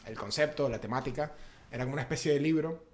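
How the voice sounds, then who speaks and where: A man with a Venezuelan Maracaibo accent chats casually as a podcast co-host. His voice sits at an ordinary middle pitch. He talks in an animated, slangy way and keeps reaching for fillers. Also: fast. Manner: animated, slangy, full of fillers like "tipo" and "o sea". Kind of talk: casual chat.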